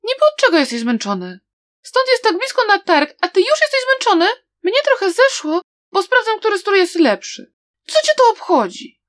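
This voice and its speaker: A woman's voice: very high-pitched, big pitch swings, normal speed, a bit bright, voice pushed up, heavily acted. A woman voicing a feisty young girl who bickers sharply and defiantly.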